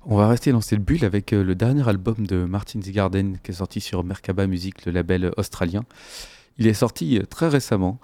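A man's voice: low-pitched, a little fast, dark tone, dry recording. A man hosting a radio music show, presenting casually between tracks in a hesitant, rambling way, full of fillers. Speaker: radio host.

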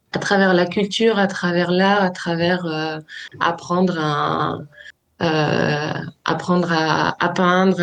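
Woman guest on a radio show, lowish voice, pauses and euhs a lot. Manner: hesitant, many fillers and restarts. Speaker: association founder, guest. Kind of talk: radio interview answer.

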